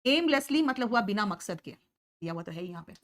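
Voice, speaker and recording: A woman teaching English phrasal verbs to a class in Hindi, reading the example sentences slowly in Indian English and scolding and teasing her students. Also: medium pitch, expressive, a bit bright. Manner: scolding, teasing students, calls them beta. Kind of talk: online class lecture.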